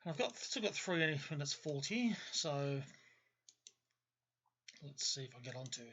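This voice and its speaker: Hosting his gaming video, the Melbourne-raised Australian sounds very animated yet a little slow, his high, fairly bright voice coming through lo-fi sound. He muses aloud in a relaxed, meandering way, often hedging and revising his own statements.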